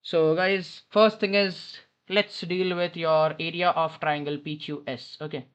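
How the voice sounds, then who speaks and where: A man's voice: on the high side, little pitch movement, measured pace, fairly bright tone, clean tone. A man tutoring maths informally on a headphone mic in an airport lounge, thinking aloud and often correcting himself as he works through a problem. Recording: dull lo-fi headset sound.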